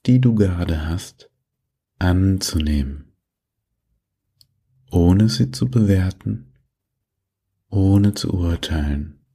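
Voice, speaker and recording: Male meditation guide for sleep content: deep, soft and breathy, extremely unhurried, gentle and soothing. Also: lively intonation. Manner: soothing, gentle instructions with long pauses.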